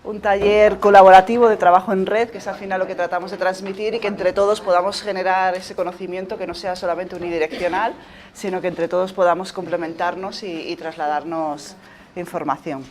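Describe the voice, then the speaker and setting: A woman's voice: on the low side, little pitch movement, fairly quick, darkish tone. A woman co-leading a training workshop, explaining plainly and addressing the group in an inclusive way. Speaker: workshop facilitator. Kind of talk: informal workshop talk.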